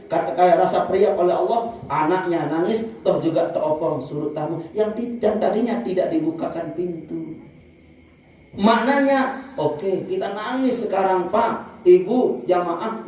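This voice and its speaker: Echoey distant male preacher. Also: high-pitched. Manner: lively storytelling, addresses the congregation directly. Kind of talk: sermon at a religious study gathering. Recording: very echoey room, distant mic, faint ambience.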